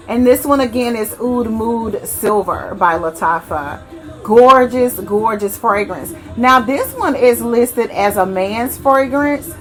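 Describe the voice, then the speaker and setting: A woman reviewing fragrances in a chatty, rambling way, often correcting herself and talking fondly to her viewers. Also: a little high. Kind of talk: casual chat to camera.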